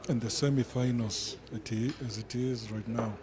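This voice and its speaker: A man's voice: mid-range voice, steady tone, moderate pace, crowd noise. A man giving live darts commentary as the match goes on. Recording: clearly noisy live event sound.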